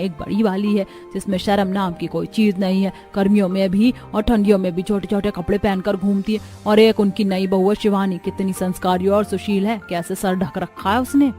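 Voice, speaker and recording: A woman's voice: medium pitch, fairly even intonation, normal speed, hardly any pauses, warm tone, faint music behind, close to an everyday voice. A woman voicing a gossiping, judgemental neighbour mother-in-law in a narrated family story. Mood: gossipy. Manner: gossipy, judging.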